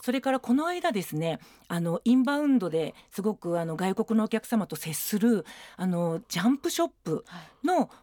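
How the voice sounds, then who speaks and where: A woman's voice: mid-range voice, sing-song, fairly quick, dark tone, dry recording, clean studio sound. A woman magazine editor, a guest on a radio show, explaining things carefully with frequent hesitant fillers. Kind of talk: radio interview.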